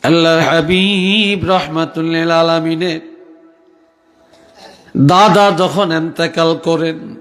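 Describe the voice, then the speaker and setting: A male preacher delivers a slow waz sermon in a sing-song chant, his voice sitting a little high. He calls out questions to his listeners and climbs to shouted, high-pitched peaks. Faint music plays behind him. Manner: calls out to the crowd and asks questions.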